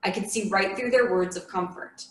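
A woman reading a memoir aloud in a church, in a measured, earnest storytelling voice. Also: mid-range voice. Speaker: memoir reader. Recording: echoey room from a distant mic.

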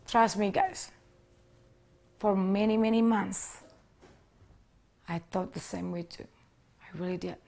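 In a gravelly, medium-pitched voice, an Indonesian woman in her thirties gives an earnest personal testimony to camera. She has an Indonesian accent and makes small grammar slips. A lapel mic records her as she sits in a living room furnished with a leather sofa.

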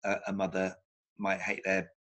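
Captured through a laptop webcam, this reflective video-call interview features an older male psychotherapist speaking from a room at home. He talks at normal speed in a low, monotone, pushed and bright voice, pausing to restart and repeating words to stress his points.

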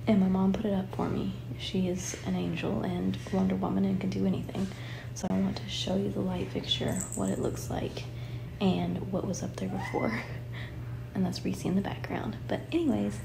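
A woman's voice caught on a phone camera as she films at home, with plenty of vocal fry in her middle-pitched speech. She talks chattily and a bit apologetically to her viewers. Hiss and noise sit under the phone recording. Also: steady tone, moderate pace, echoey room. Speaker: vlogger. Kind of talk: casual vlog talk to camera. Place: home at night, in the dark. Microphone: phone held by the speaker while filming.

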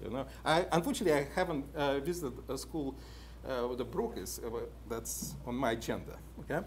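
Captured from afar by a room camera, this conference speaker, a man in his fifties with a Russian accent, stands at a podium in an indoor meeting room. He talks in a brisk, mid-range voice, animated and full of "uh" fillers, often questioning the audience. There's a little hiss or hum on the recording.

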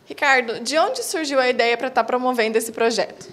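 A woman's voice: sits high, a little fast, fairly bright tone. A young woman, a student reporter, introducing a story and asking polite questions into a handheld mic. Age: young adult. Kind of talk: field reporting and interviewing.

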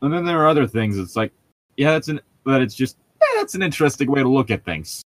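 He's one of the co-hosts on a group read-along commentary show, talking fast with lively intonation in a medium pitch. His casual, mocking chat is opinionated, rambling, and sweary. The recording has no room sound.

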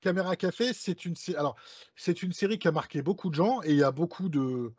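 Husky-voiced male interviewer, dry sound. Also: a little high, lively intonation, a little fast, a little mellow, no room sound. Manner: brief, agreeing prompts. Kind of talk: casual interview chat.

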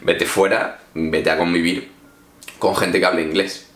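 Deep-voiced Spanish man giving casual advice. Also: level tone, unhurried, a bit bright, reverberant, slight background noise. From Spain. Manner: chatty, direct, addresses viewers informally. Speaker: English teacher vlogger. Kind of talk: casual advice talk to camera.

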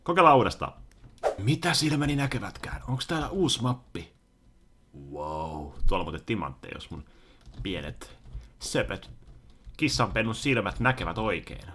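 A young man giving excitable, casual commentary over his own gameplay, sometimes yelping when startled. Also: lowish voice, slight background noise. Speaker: gaming video host.

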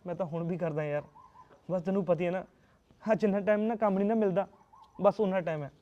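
A man's voice: sits high, fairly even intonation, fast, lo-fi sound, close to an everyday voice. An actor with a Punjabi accent playing a young jobless husband who pleads and reassures his wife in a short film.

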